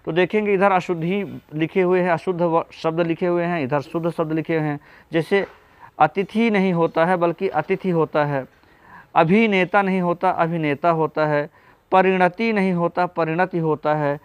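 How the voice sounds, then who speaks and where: A man's voice: fairly high pitch, steady tone, normal speed, clear, resonant tone, no room sound. A man teaching an exam-prep spelling lesson, patiently going through correct and incorrect word forms and addressing viewers as friends.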